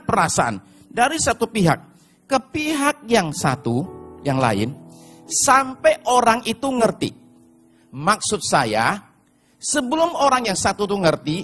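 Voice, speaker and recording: With a very high-pitched voice, a male pastor preaches a sermon, telling stories, addressing the congregation directly, and at times shouting in put-on voices.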